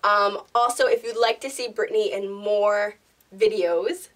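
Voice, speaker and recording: A woman's voice: mid-range voice, fairly even intonation, unhurried, fairly bright tone, distant mic. A woman hosting her vlog, playing a guessing party game in a giggly chat, laughing often and repeating phrases. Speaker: YouTuber host.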